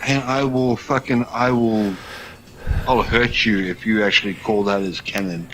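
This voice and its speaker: A man's voice: on the low side, fairly even intonation, unhurried, very noisy. A man in casual, profane chat in a VR game, ranting and teasing others. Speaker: VR social game player. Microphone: VR headset mic.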